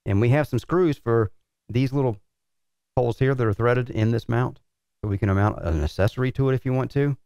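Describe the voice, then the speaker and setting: A middle-aged man, the show's reviewer, calmly walking through assembling a racing cockpit in his workshop, talking practically as he works. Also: mid-range voice, fairly quick, clear, resonant tone, no room sound, studio quality. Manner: relaxed, practical explaining while working with tools. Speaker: sim racing equipment reviewer. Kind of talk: hands-on product setup walkthrough. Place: large indoor workshop with concrete floor.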